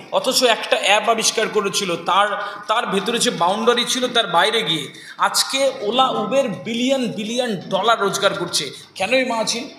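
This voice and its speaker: Male speaker on stage, bright tone, long hall reverb. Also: high-pitched, a little hiss or hum. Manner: lively, mixes English phrases, rhetorical questions. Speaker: motivational speaker. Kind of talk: motivational speech to students. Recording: echoey hall with faint ambience.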